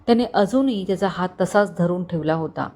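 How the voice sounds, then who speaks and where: A woman storyteller narrating a dramatic family story, expressive and vivid. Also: a little fast. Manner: expressive, voices characters with rising pitch in tense moments.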